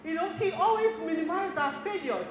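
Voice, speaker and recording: Her voice extremely high, expressive and a little fast, a middle-aged Igbo woman speaks directly to a seminar audience in a motivational talk. She tells stories and breaks into laughter often. The community center hall echoes heavily and carries plenty of noise.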